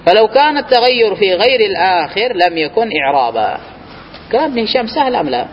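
High-voiced male teacher quizzing students. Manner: explains step by step, quizzing students with questions. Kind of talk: classroom grammar lesson. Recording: reverberant room, muffled, faint hiss.

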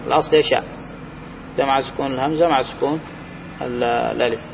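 A man's voice: medium pitch, fairly even intonation, quick pace, gravelly. A man teaching a grammar class to students in person, explaining step by step and testing them with questions as he goes. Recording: reverberant room, muffled, faint hiss.

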